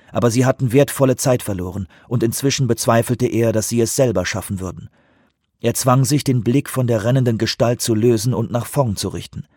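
A man narrating an audiobook in a measured, tense storytelling voice with a husky tone. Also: mid-range voice, mellow, dry recording, studio quality. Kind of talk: scripted narration.

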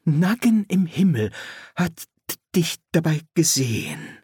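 A man's voice: a little high, very animated, a little slow, a little mellow, husky, no room sound, clean studio sound, pitched above the performer's own voice, full character voice. A man voicing a timid young male soldier who stammers. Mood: shocked.

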